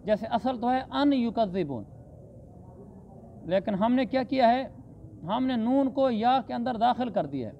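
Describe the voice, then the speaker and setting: A man teaching Quran recitation, slowly drawing out verses and then explaining the rules plainly. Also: very high-pitched, expressive, creaky. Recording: dull lo-fi sound with faint background noise.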